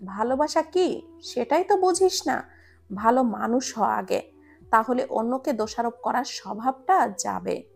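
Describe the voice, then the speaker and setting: A man's voice: extremely high pitch, expressive, a little slow, creaky, soft background music, exaggerated voice. A woman voicing a worried, sensible young man in a romance story. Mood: annoyed.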